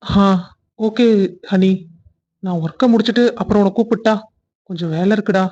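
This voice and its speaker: A man with a mellow, dark voice plays a husband in a cartoon family story. He talks tenderly on the phone and frets to himself in between. The recording sounds dull and lo-fi. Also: high-pitched, moderate pace.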